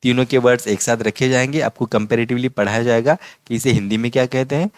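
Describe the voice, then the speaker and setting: A man teaching a vocabulary lesson, patiently repeating each word slowly. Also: mid-range voice, steady tone, no echo. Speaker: language teacher.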